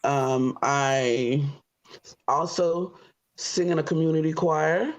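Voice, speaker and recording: A woman in her fifties from Florida introducing herself on a dating show, chatty, pausing often on "um" and quick to laugh. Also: low-pitched, fairly even intonation. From Florida, USA. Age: 50s. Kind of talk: casual self-introduction. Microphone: computer on a video call.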